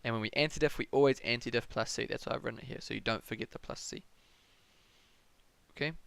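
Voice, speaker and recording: A man's voice: mid-range voice, fast talker, gravelly, a bit bright, clean tone. A young man with a New Zealand accent tutoring maths on a live stream, thinking aloud and answering chat questions in a casual way.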